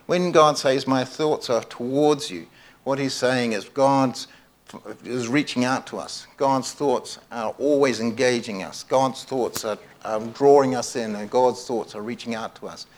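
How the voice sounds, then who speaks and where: A man's voice: medium pitch, a little slow. A man preaching a sermon at a microphone, earnest, repeating key phrases for emphasis and often restarting his sentences. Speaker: pastor.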